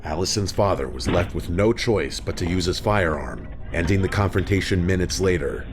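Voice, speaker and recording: A man reading a scripted true-crime narration in an even, measured way, close to the mic. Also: low-pitched. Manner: even, measured storytelling delivery. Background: music bed.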